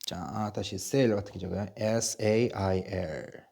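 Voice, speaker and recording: A male English teacher running a patient spelling drill, spelling words out slowly letter by letter and coughing now and then from a sore chest. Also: fairly low pitch, vocal fry, darkish tone. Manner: patient, repetitive, asks and answers himself. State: coughing, bronchial trouble. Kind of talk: slow spelling drill lesson.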